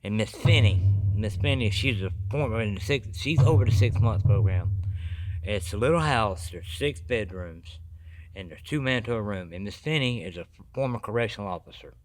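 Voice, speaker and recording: A man giving his personal recovery testimony as a podcast guest, earnest and halting with many restarts. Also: lowish voice.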